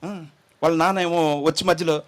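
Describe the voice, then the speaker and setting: A man's voice: on the high side, moderate pace. A male preacher giving a humorous sermon, telling a story and acting out its dialogue. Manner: animated, acts out dialogue, jokes with listeners.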